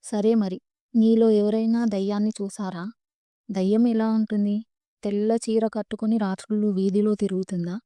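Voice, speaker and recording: A woman narrating a scripted horror story with a measured, suspenseful delivery. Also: mid-range voice, flat delivery, mellow, no echo.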